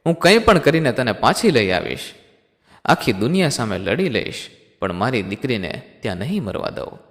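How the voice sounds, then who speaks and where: A man's voice: mid-range voice, sing-song, moderate pace, a bit bright, long reverb tail. A man voicing a heartbroken middle-aged father who tearfully promises to bring his daughter home. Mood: tearful resolve. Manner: tearful, resolute.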